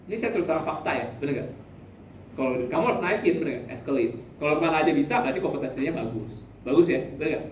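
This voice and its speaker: Chatty male lecturer in an echoey classroom. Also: fairly high pitch. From Indonesia. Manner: chatty, keeps asking "right?". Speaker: university lecturer. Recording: echoey room from far off, faint noise.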